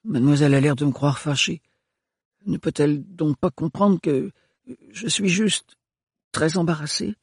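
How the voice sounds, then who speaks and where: A big, gruff male servant, rough in tone and ill at ease, as a male audiobook reader puts him on. The voice is husky, and the recording is dry and close. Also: on the high side, steady tone, normal speed, long pauses, dry recording, pitched above the performer's own voice. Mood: embarrassed. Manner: rough, embarrassed. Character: burly red-haired male servant, gruff and awkward.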